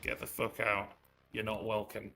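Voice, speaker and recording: A man's voice: on the low side, monotone, moderate pace, creaky, pushed and bright, soft background music. A man chatting casually on a live stream through the built-in mic of a handheld gaming device, his level pumping up and down from uneven auto gain. He talks frankly and jokes, swearing often. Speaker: game player on a live stream. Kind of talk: casual chat.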